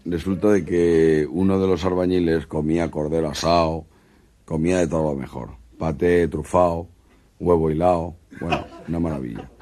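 A comedian telling crude jokes in a storytelling monologue, recorded on an old cassette tape. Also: male voice, low voice, darkish tone. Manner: rapid, crude storyteller switching into voices.

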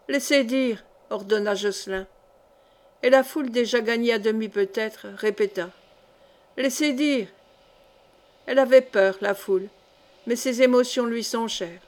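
A woman reading a historical novel aloud as an audiobook, in measured, expressive narration. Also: medium pitch. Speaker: audiobook reader.

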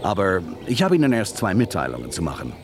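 In this radio drama, an actor with a low voice voices a cynical corporate spy, speaking fast with wildly swooping pitch over a noisy background. His tone is mocking, and he slips English phrases into his German.

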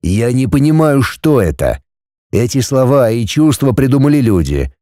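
A domineering dragon lord, as a male reader voices him in a storybook, speaking in curt, commanding lines. His tone is dark and mellow, and his pitch moves freely. The sound is dry and close. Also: very animated, moderate pace, no room sound, lightly acted.

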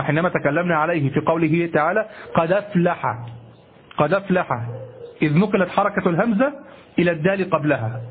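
A man teaching an Arabic grammar lesson to a class. He repeats key phrases slowly and checks in with his students as he goes. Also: high-pitched, breathy edge. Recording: muffled lo-fi lecture recording.

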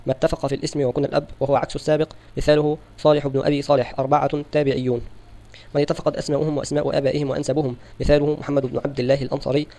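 A man reading a religious scholarly text aloud for an audiobook, in a steady, formal recitation. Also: fairly high pitch, racing. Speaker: audiobook reader.

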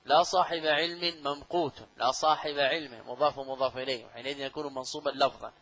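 A man's voice: medium pitch, steady tone, fast talker, a bit bright, poor audio. A middle-aged man giving a classroom lecture on grammar, repeating key phrases and asking and answering his own questions. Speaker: Islamic grammar teacher.

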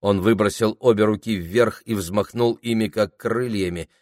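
A man narrating a novel as an audiobook in a measured, even storytelling manner. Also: on the low side, no echo, studio quality.

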